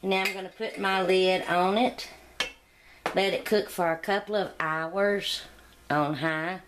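In her home kitchen, a middle-aged woman hosting a cooking channel demonstrates a dish, chatting homily and drifting into rambling asides. Her mid-range voice has fairly even intonation and a slow pace. Background noise is present, and she's off camera on the camera mic.

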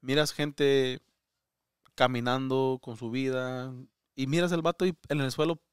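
A man co-hosting a casual comedy podcast, rambling and switching between Spanish and English, with loud laughs. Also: mid-range voice, steady tone, unhurried, clean tone, no room sound, studio quality. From United States. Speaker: comedian co-host.

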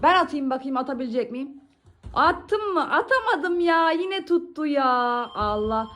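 A woman, a mother, chatting with her small children in a casual family vlog, coaxing and gently scolding them. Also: sits high, big pitch swings, moderate pace. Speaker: mother filming her kids.

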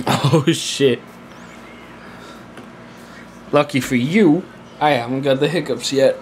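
A man's voice: medium pitch, unhurried, a little hiss or hum. A young man streaming a game, chatting casually in a rambling, laid-back way and laughing easily. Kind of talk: casual gaming stream chat.

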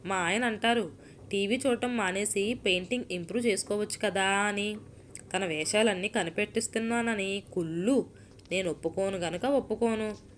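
A woman's voice: mid-range voice, normal speed, a little hiss or hum, lightly acted. A woman voicing a young married woman who is melodramatic, self-pitying and hooked on TV serials, in a storybook reading. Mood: scheming. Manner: sighing scoffs, self-pitying, complaining.

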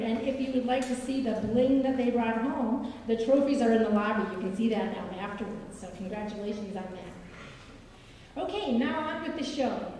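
An upbeat, chatty woman emcees a school concert, turning to the audience with questions. Her voice runs a little high and mellow. It comes from a distant microphone in a concert hall with long reverb and faint background noise. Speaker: master of ceremonies at a school concert. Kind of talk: live announcing to an audience. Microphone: hall microphone heard from a distance. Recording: echoey concert hall from far off.

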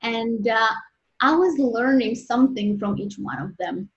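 Answering interview questions as a medical resident, an Egyptian woman in her thirties speaks with an Egyptian accent; Arabic is her first language. Her fairly high voice comes across earnest and halting, with many restarts, and the audio is dull and lo-fi.

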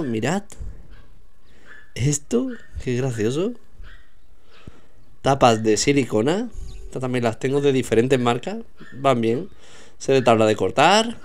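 The man's voice sits at medium pitch with a somewhat dark tone. He's a vlogger giving a casual walkthrough of a supermarket aisle, chatting and indicating products for his audience.

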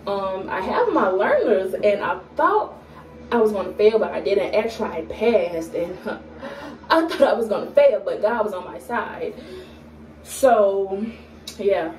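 A young woman vlogger from Atlanta, Georgia, chats unhurriedly to camera in a get-to-know-me video, with frequent fillers, pauses and occasional stutters. Her medium-pitched voice is expressive and a little mellow. She's filmed in a small room at home by a camera at arm's length, so the sound is echoey, slightly off-mic and carries faint background noise.

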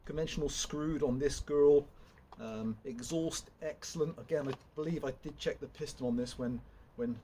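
A man's voice: a little high, normal speed, few pauses, mellow, slight background noise. A young man in a casual, rambling walkthrough, full of fillers and restarts, recorded in an open woodshed by a camera some way off. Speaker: chainsaw vlogger. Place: open woodshed with log piles.

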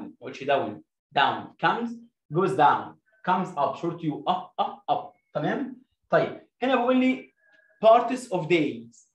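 A man with an Egyptian Arabic accent, teaching an English lesson. He reads English sentences slowly, word by word, and asks questions that he answers himself. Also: high voice, reverberant, poor audio. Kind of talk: explaining a lesson to young pupils.

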